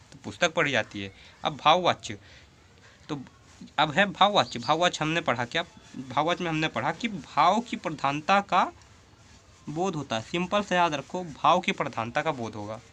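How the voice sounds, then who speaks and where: A man teaching a grammar lesson in a bright, fairly high voice that swings widely up and down. He keeps repeating his example sentences and quizzing the listener with rhetorical questions, calling them 'bhai'. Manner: addresses the viewer as 'bhai'. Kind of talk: Hindi grammar lesson for students.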